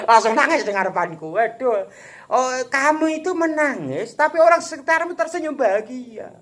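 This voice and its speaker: A man with a Javanese accent giving a casual religious talk as a preacher, animated and joking, chuckling often. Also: medium pitch, slight background noise. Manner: animated, chuckles often, mixes teaching with jokes.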